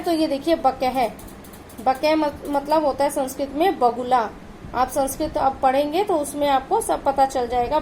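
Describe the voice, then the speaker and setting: A woman's voice: high voice, a little mellow, a little hiss or hum, poor audio. A woman teacher explaining grammar to children, patient and repetitive, often checking that they understood. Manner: patient, repeats key points and checks understanding.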